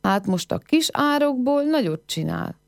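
A woman's voice: sits high, big pitch swings, vocal fry, dry recording, studio quality, voice pushed up, full character voice. A woman voicing a clever young village girl in a folk tale, with pert, teasing riddle answers.

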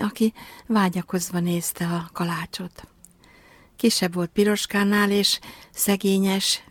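A woman reading a children's story aloud, expressive and measured. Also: fairly low pitch, dry recording.

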